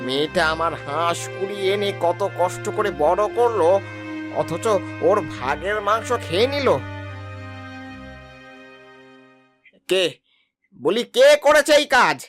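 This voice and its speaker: A man's voice: high voice, normal speed, faint music behind. Man voicing a kindly village father. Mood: indignant. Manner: calm, coaxing, stern when wronged. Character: kindly village husband and father, fair-minded. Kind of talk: cartoon voice acting.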